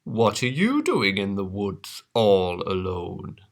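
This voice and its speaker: A man's voice: fairly low pitch, wildly swooping pitch, takes it slowly, creaky, full character voice. A man growling as a sly big bad wolf. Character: hungry scheming male big bad wolf.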